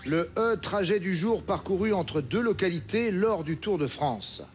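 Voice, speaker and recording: A man hosting a TV quiz show in a studio, reading questions briskly and crisply. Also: high voice, animated, soft background music.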